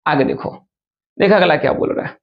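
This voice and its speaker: A male physics teacher, talking fast and chatty as he works through exam questions and speaks to his students informally. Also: a little high. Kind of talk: objective-question exam lesson. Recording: dull lo-fi sound.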